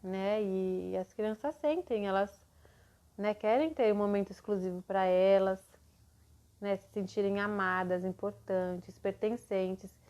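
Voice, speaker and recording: A woman's voice: medium pitch, fairly even intonation, unhurried, a little mellow, lo-fi sound. A woman mentoring parents in a live online session, explaining patiently and acting out what to say to a child.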